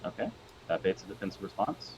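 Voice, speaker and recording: Over a weak connection that makes the sound dull and lo-fi, a male co-caster with a low voice commentates a card game match analytically, slipping in dry jokes. He talks fast with lively intonation, and there's a little hiss or hum.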